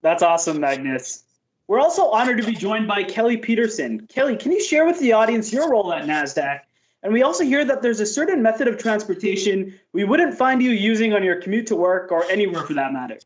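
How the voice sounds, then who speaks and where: A man's voice: sits high, big pitch swings, fairly quick. A man hosting a webinar, reading upbeat prepared lines. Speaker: host.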